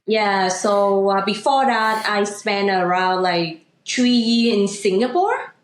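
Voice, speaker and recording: A woman in her thirties from Vietnam, with a Vietnamese accent, speaking English as a second language as a guest in a casual interview, halting and full of fillers. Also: mid-range voice, expressive, echoey room. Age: 30s. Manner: halting, many "you know" and "like" fillers, laughs easily. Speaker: guest, real estate agent.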